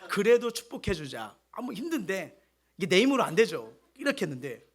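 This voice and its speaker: Animated high-voiced male pastor preaching. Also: a little fast, breathy edge. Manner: animated preaching, swings between loud exhortation and soft quoted asides. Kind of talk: Sunday sermon.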